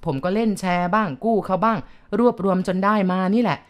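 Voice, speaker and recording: A woman's voice: medium pitch, fairly even intonation, fairly quick, clean tone, natural voice. A woman voicing a cheerful young man who brags eagerly about his new motorbike. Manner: eager, bragging. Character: young male motorbike fan, cheerful and boastful.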